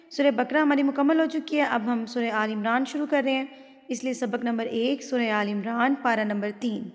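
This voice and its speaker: A woman teaching a Quran recitation lesson, explaining rules patiently and chanting words in long drawn-out tones. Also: high voice. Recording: long hall reverb.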